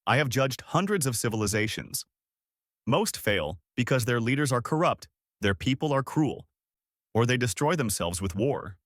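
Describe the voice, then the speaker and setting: Male narrator doing a kind, regal alien queen; calm, measured, dry recording. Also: medium pitch, no echo. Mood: gentle regal. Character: gentle, wise alien queen, female, regal.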